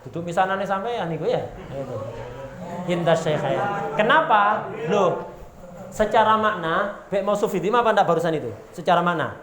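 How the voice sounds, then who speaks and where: A man's voice: sits high, expressive, moderate pace, roomy sound, crowd noise. A man with a Javanese accent teaching a religious text, reading Arabic terms aloud, explaining them and throwing questions at his students. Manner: reads Arabic terms then explains them, asks rhetorical questions, jokes. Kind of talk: pesantren kitab lesson.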